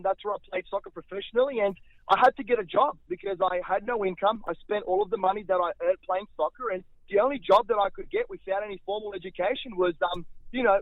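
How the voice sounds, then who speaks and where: A young Australian man, a real estate investor, talking with lively energy and lots of slang in a casual interview over the phone. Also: sits high, no room sound. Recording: tinny phone line.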